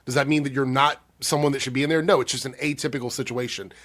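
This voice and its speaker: A man speaking casually as an online commentator answering viewer comments, breathy from a cold, often pausing and restarting as he thinks aloud. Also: mid-range voice, fairly even intonation, a bit bright. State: under the weather with a cold. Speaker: YouTube commentator.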